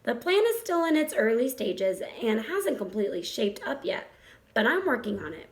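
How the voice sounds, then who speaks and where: A woman voicing a motherly female spider in a storybook, cool and collected, comforting and gently firm as she gives measured advice. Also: on the high side, very animated. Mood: light, assured.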